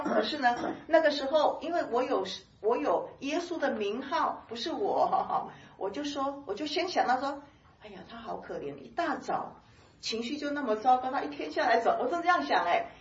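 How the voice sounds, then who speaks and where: A woman gives an informal Bible teaching in a fairly high voice, chatty and animated, laughing often between her points. She sounds distant from the microphone, in a roomy, echoing space. The recording is muffled and dull. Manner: lively, chatty, laughs often, many soft filler particles. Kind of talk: conversational sermon teaching.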